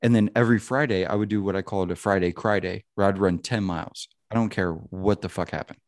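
A man in his early thirties talks in a loose, rambling way, swearing casually and checking in with "you know what I mean." His voice sits very low. The sound is dry and close, with no room around it. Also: steady tone, quick pace, no room sound. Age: 30s. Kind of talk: casual chat.

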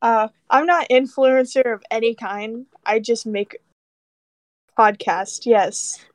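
A woman's voice: on the high side, fairly even intonation, slow pace, dry recording. A young woman co-hosting a casual podcast, dry and teasing, often laughing, on a poor-quality mic. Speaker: podcast co-host.

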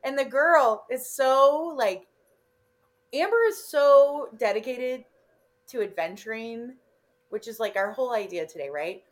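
A woman with a Chicago accent telling a story in casual chat, animated, laughing often and swearing freely. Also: fairly high pitch, unhurried. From Illinois. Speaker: podcast guest.

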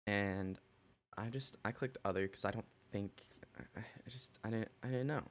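A man with a fairly low voice rambles through a casual podcast conversation, restarting his sentences as he goes. He has the hiccups. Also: moderate pace. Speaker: podcast co-host. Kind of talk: casual chat.

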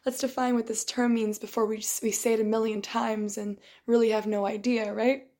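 A young woman speaks a little fast in a flat, level pitch, offering a casual, reflective monologue. Her voice sounds tired and strained from shouting, and she often stops, restarts and clears her throat between thoughts.

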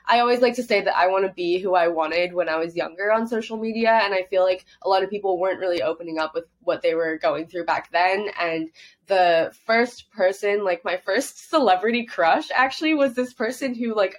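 A young woman in her twenties who grew up in Hong Kong is a guest on a podcast, talking openly in a casual interview. She's chatty, says "like" constantly, and laughs easily. Her voice is mid-range and fairly quick.

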